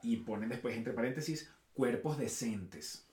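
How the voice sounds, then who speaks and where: A man co-hosting a podcast in a relaxed, slangy way. His pitch is mid-range, and the room has an echo. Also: unhurried. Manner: relaxed, slangy, mimics voices. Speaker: podcast co-host. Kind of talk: casual chat. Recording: echoey room.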